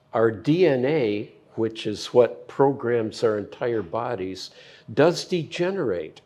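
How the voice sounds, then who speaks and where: Slow, mellow-voiced older man explaining. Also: medium pitch. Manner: slow, measured explanations with plain analogies. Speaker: physician guest. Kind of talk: explaining health science in an interview.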